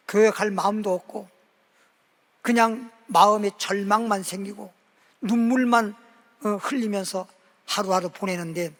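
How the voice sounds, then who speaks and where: A male pastor preaching a sermon, telling a story with lively acted-out quotes. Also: high voice. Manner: animated storytelling, acting out quoted voices. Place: church sanctuary. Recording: long church hall reverb.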